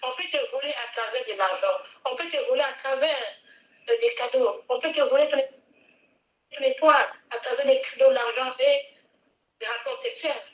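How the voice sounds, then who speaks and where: Delivering a sermon with fervour, a woman with a higher-sitting voice circles back over her phrases and urges the congregation to repeat after her. She speaks at normal speed, and the recording sounds muffled and lo-fi.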